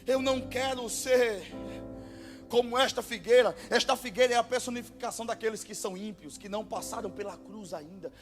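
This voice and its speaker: Faint music plays behind a Brazilian Portuguese-accented pastor whose very high-pitched voice moves along fairly quickly. He preaches with great passion, erupting now and then into shouts.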